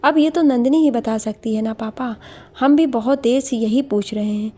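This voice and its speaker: A gentle, apologetic young husband, as a woman storyteller reads him. He pleads softly and earnestly in a warm, mellow, slightly breathy voice that sits a little high. The narration comes from an audio storybook. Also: moderate pace, natural voice. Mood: pleading.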